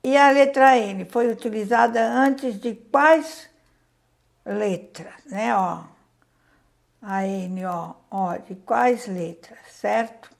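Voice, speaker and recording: A Brazilian woman teacher talks her young pupils through a worksheet at an unhurried pace. Her voice is a touch high and has a gravelly edge, and she stretches out her counting patiently. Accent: Brazilian Portuguese. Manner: patient, counts aloud slowly, asks children questions. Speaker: primary school teacher. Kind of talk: reading out and explaining a school worksheet.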